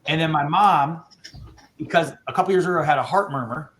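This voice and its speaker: A man who owns an insurance agency, giving an energetic, casual training talk to his agents over a video call, fired up and saying dude and bro. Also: fairly high pitch, brisk.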